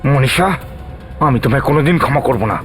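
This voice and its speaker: An actor playing an excitable, boastful, self-pitying police officer with a melodramatic manner in a dubbed TV crime drama. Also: male voice, mid-range voice, fairly quick, soft background music, lightly acted. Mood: panicked, self-pitying. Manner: melodramatic muttering and exclaiming.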